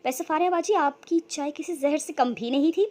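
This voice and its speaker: A woman voicing a sharp-tongued young woman about to be married, who talks in cheeky, mocking banter. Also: high-pitched, brisk, close to an everyday voice. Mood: teasing.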